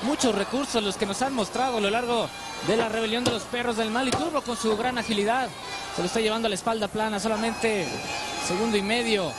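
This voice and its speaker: Mexican male wrestling commentator, very high voice. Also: fairly even intonation, brisk, over loud music. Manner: explanatory wrestling commentary, step-by-step. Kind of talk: live sports commentary describing replays and strategy. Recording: noisy arena with loud crowd. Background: loud crowd and arena noise.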